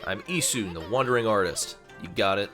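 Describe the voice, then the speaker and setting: A cocky little wandering artist with a brash, teasing way of talking, read aloud by a man. His lines bounce around with lively, low-set pitch, and game music plays behind him. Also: a little fast, some chatter behind. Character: cheeky tiny male wandering artist sidekick.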